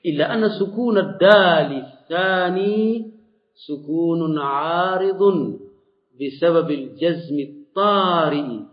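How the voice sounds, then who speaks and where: A man teaching a classical Arabic morphology lesson, explaining slowly and deliberately with frequent restarts. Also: on the high side. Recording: dull lo-fi recording.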